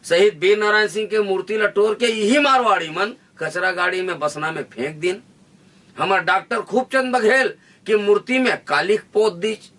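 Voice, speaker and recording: A man with a Chhattisgarhi accent giving a forceful interview answer, declaiming in rallying repeated lines. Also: high voice, normal speed, recorded from a distance. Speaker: interviewee, activist leader. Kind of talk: fiery political speech.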